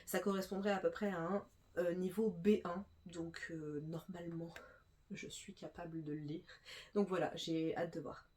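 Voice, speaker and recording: A woman's voice: lowish voice, fairly even intonation, normal speed, mellow, a little hiss or hum. A young woman with a stuffy nose chatting casually through a book haul, full of fillers and restarts. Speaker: booktuber.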